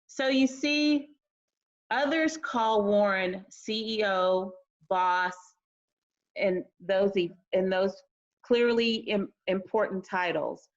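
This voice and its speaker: A woman hosting a fundraising call, making an appeal in a measured delivery and introducing the keynote speaker. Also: mid-range voice. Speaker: event host. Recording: dull lo-fi sound.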